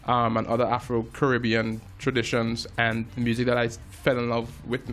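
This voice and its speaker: A jazz musician and filmmaker from Trinidad and Tobago, a man in his thirties, tells stories as a guest in a casual interview. His medium-pitched voice runs at normal speed, and his relaxed delivery is full of fillers and restarts.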